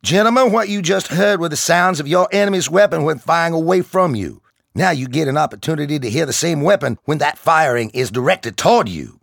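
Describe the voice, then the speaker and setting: Gruff, profane drill sergeant, put on by a male narrator, pitched up and shouting. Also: expressive, a little fast, no room sound, studio quality. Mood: commanding. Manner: barking, commanding, profane. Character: loud drill sergeant, gruff, commanding, adult man.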